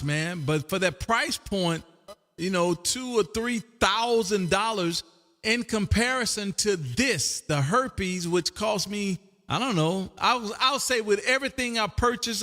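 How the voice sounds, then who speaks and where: An amateur radio operator runs a casual livestreamed chat from his radio room at home, sounding exuberant, folksy, and talkative. His voice is high and sharp, his pace unhurried, and a long hall reverb colors the recording.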